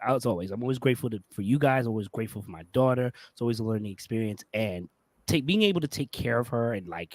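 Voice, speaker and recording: Male podcast host, young adult, animated and jokey, bright voice, dry close sound. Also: medium pitch, dry recording. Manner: animated, laughing, playful. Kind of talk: casual chat.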